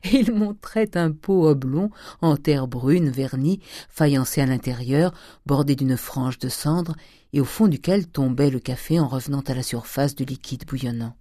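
A reader narrating a classic novel in a measured, even way. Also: mid-range voice, no room sound, studio quality. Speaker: audiobook reader. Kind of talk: literary audiobook narration.

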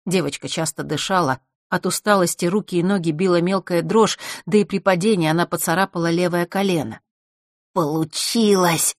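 Audiobook narrator: a woman with a lower voice and a dry, close recording. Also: no echo. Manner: even, measured storytelling. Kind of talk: scripted narration.

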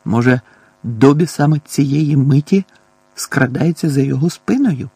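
A man narrating an audiobook in a measured, expressive reading. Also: mid-range voice, breathy edge, dry recording.

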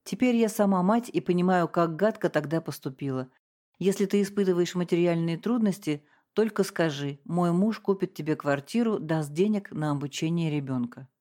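A woman's voice: on the low side, moderate pace, warm tone, natural voice. Wealthy estranged sister read by a woman; formal, apologetic letter.

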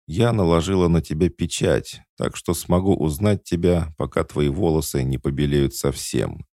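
A man with a deep, gravelly voice reading the lines of a proud, jealous immortal queen who speaks coldly and commandingly. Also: moderate pace, warm tone, no room sound, studio quality. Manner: cold, imperious, mocking.

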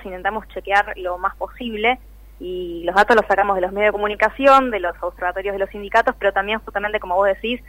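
In a spontaneous radio interview, a woman who tracks layoffs as an activist gives earnest, detailed, conversational explanations. She has a Rioplatense Argentine accent and a mid-range, somewhat bright voice. The recording has no echo but is low in quality.

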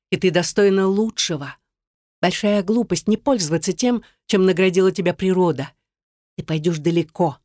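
A woman reading an audiobook voices a pushy, scornful young woman who bosses and mocks her friend, raising her voice higher for the part. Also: darkish tone, no echo, studio quality, close to an everyday voice. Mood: coaxing. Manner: bossy, mocking, then coaxing.

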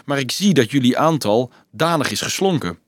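A man's voice: mid-range voice, expressive, normal speed, no room sound, clean studio sound, natural voice. A man reading an audiobook, voicing a wry, easygoing young male student who speaks lightly and teasingly.

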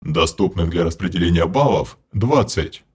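A man voicing the flat announcing voice of a game system. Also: low-pitched, moderate pace, husky, pitched below the performer's own voice. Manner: monotone repeated announcements.

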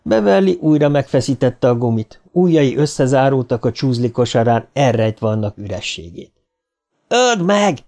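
A man's voice: mid-range voice, creaky, few pauses. A man narrating a horror novel as a dramatic audiobook reading. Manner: vivid, rising for shouted lines.

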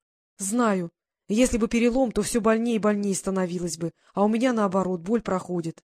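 An audiobook reader voicing a gentle young woman who speaks in a soothing, hurried way, in a dry, close recording. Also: medium pitch, fairly even intonation, no room sound, close to an everyday voice.

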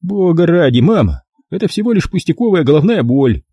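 A man's voice: a little high, sing-song, brisk, warm tone, breathy edge, dry recording, lo-fi sound, pitched above the performer's own voice. A man voicing a meek but irritable grown son answering his mother in an audiobook. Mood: sullen. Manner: sullen, dutiful. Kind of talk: audiobook character voice.

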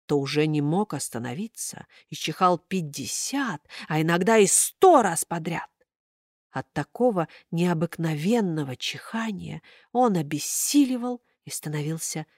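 A woman narrating a children's story in a lively, dramatic reading style. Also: low-pitched, unhurried, dry recording, clean studio sound.

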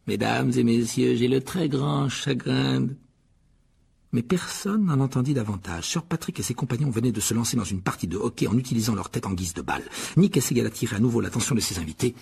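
A man reading a novel aloud as audiobook narrator, lively storytelling. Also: fairly low pitch, gravelly, breathy edge. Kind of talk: scripted narration.

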